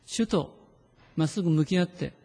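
A man preaching a sermon as pastor, earnest and pleading, sometimes leading a slow prayer read aloud. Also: on the high side, vocal fry, warm tone, big-room sound.

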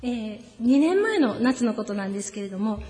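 Woman preacher, fairly high voice, reverberant church hall. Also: big pitch swings. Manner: gentle storytelling, slows down for solemn emphasis. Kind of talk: sermon with personal stories. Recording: echoey hall with long reverb.

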